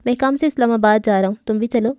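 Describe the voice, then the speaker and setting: A woman reading the lines of a lively, loud, chatty young man in an audiobook, keeping near her own voice. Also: a little high, clean tone, no echo, studio quality, lightly acted. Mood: playful. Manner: playful, chatty.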